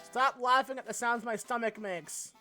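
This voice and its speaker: A woman's voice: on the high side, normal speed, bright, forceful tone, soft background music. A woman streaming a game live, chatting casually in a giggly, rambling way and swearing freely.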